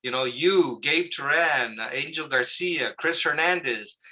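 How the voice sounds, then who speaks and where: A man, a guest telling lively stories in a casual interview and acting out the people he quotes. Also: on the high side, measured pace, rough recording. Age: 60s. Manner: animated anecdote-telling, acts out quoted people.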